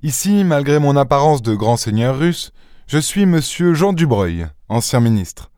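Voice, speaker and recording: A man reading an audiobook, voicing a playful, mocking gentleman thief who speaks with mock affection. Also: mid-range voice, very animated, measured pace, clean tone, dry recording, studio quality, pitched above the performer's own voice. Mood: teasing. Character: charming teasing gentleman thief, young man. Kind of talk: audiobook character voice.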